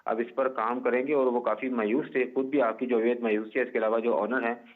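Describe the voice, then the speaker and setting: Male reporter calling in on a tinny phone line that keeps breaking up; measured, formal delivery with frequent "uh" pauses. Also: mid-range voice, flat delivery. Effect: phone line breaking up and cutting out. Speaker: sports reporter phoning in.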